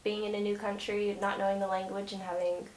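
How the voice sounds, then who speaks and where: A woman's voice: mid-range voice, level tone, brisk, darkish tone. A young woman interviewing a friend's mother in a casual, encouraging way, with lots of small affirmations. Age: young adult. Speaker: student interviewer. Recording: echoey room, faint hiss.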